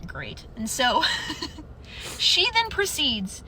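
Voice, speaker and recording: Bright-voiced young woman telling a story. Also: on the high side, drawn-out words, slight background noise. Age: young adult. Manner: animated retelling, acts out quotes. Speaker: storyteller in a clip. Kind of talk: casual storytelling.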